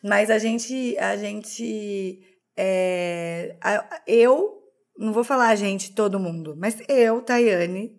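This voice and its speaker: A woman co-hosts a podcast in relaxed, casual chat. She speaks candidly and pokes fun at herself. Her sentences often break off and restart. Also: medium pitch, slow. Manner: chatty, candid, self-deprecating, many restarts. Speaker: podcast co-host.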